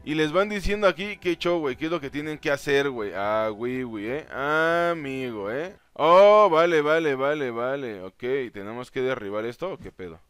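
A man with a Mexican Spanish accent giving excitable, profane gameplay commentary and reading game text aloud. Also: medium pitch, moderate pace, hardly any pauses, clean tone, dry recording. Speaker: gaming YouTuber.

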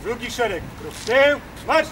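A man barking clipped military commands like a drill sergeant, with long pauses, outdoors on a parade square. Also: extremely high pitch, very animated. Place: open-air town square at a military ceremony. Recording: noisy outdoor recording, at a distance.

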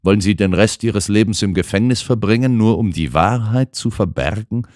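A man voicing a calm, shrewd gentleman detective who lays out his reasoning in measured, precise sentences, in an audiobook. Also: on the low side, no room sound, studio quality, voice pushed up, natural voice. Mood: insistent. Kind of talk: audiobook character voice.

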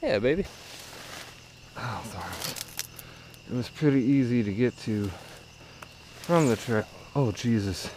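A man's voice: mid-range voice, lively intonation, normal speed. A man in his thirties talking casually to camera on an outdoor adventure vlog, in short, offhand muttered remarks. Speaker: vlogger. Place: outdoors in overgrown prairie. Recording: noisy outdoors, insects and nature sounds. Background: crickets, insects, outdoor ambience.

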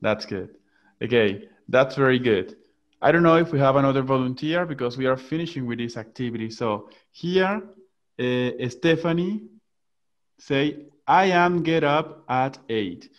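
A man's voice: medium pitch, expressive. Man teaching English over a dull call line. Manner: switches between slow English examples and quick Spanish explanations. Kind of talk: online class.

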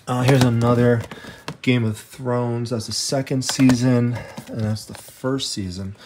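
A man's voice: medium pitch, steady tone, measured pace, background noise. A man chatting casually as he walks through an estate sale house, filming by hand and filling his talk with "I mean" and "you know". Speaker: treasure hunting vlogger. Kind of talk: casual handheld walkthrough. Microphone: handheld camera, first-person view.

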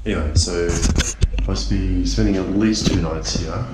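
This travel vlogger, a man in his thirties, has a low voice and a moderate pace, and he sounds weary as he chats casually to a camera held at arm's length. He is outdoors by a street and in a hotel room, and loud music and heavy background noise sit over his voice.

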